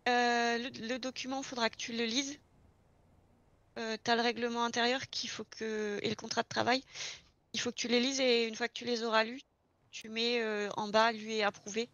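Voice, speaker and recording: A woman with a fairly high, fairly bright voice talks a new recruit through garage work step by step, roleplaying an experienced employee in an informal online chat. Her delivery is flat and her pace moderate. The audio is lo-fi without echo.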